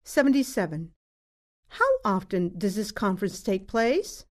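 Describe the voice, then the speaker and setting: Female exam narrator, scripted question reading, animated pitch, mid-range register. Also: a little slow. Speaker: test narrator.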